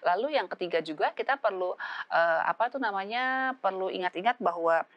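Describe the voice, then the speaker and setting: A woman psychologist talks in a relaxed, conversational way. She leans on fillers and slips into acted bits of family dialogue to make her point, at a middling pitch. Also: moderate pace, lo-fi sound. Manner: acts out parent-child dialogues with shifting voices. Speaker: psychologist guest. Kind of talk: talk show advice.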